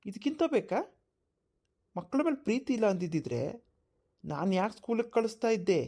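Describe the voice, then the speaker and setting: A woman voicing a defensive, lying middle-aged village husband in a cartoon, with loud indignant denials. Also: mid-range voice, expressive, brisk. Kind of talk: cartoon voice acting.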